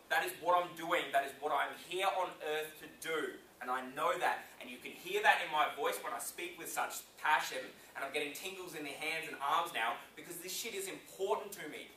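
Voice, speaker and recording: A young man in his twenties giving an energetic motivational conference talk, constantly checking in with the crowd with "okay?" and "yeah?". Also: fairly high pitch, a little hiss or hum. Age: 20s. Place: conference room before an audience. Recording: echoey room, mic at a distance.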